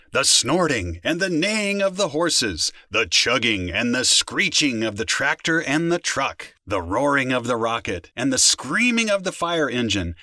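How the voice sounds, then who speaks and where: A man reading a children's storybook aloud in an expressive, animated way. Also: fairly high pitch, dry recording, studio quality.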